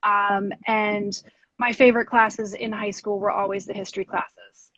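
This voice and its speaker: A woman's voice: mid-range voice, level tone, unhurried, fairly bright tone, no echo. A woman from Pennsylvania in her thirties, an education consultant chatting as a guest in an interview, with lots of ums and a self-deprecating way of talking. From Pennsylvania, USA. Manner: frequent ums, self-deprecating, laughs easily. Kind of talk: casual interview chat. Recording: dull dry lo-fi audio from a live stream.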